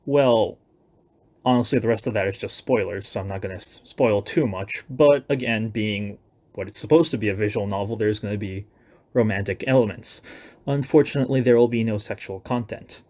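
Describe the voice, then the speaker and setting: With a lowish, somewhat dark voice at normal speed, a young adult man talks casually about the writing projects he's working on. The announcement feels loosely planned, sprinkled with self-deprecating hedges.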